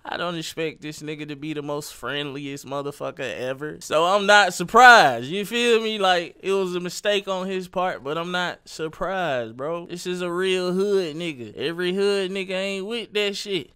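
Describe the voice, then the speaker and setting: Young male commentary vlogger, slangy and direct, fairly high, smooth voice. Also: moderate pace, hardly any pauses, sharp tone. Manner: loose, slangy, talks straight at the viewer. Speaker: YouTube commentary host. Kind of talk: casual celebrity gossip commentary.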